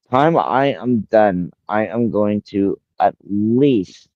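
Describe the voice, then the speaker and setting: A man in his 40s speaks in a lowish voice as a rambling livestreamer, addressing a viewer by name and repeating himself in casual livestream talk. The recording is completely dry with no room sound, and it has a muffled, lo-fi quality.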